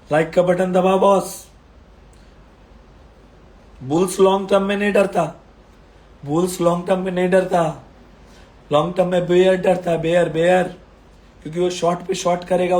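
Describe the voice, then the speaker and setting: A man's voice: sits high, flat delivery, moderate pace, pauses often, a little mellow. A man giving stock market commentary while unwell, his throat strained and coughing, repeating phrases emphatically to reassure viewers. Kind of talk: casual market commentary video.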